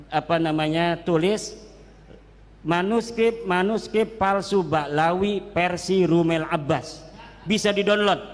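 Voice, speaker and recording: A man giving a lively, joking religious lecture, slipping into local Sundanese and Javanese phrases. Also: fairly high pitch. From Banten, Indonesia. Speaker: Islamic cleric speaker. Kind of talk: lecture-style religious talk. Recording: long hall reverb.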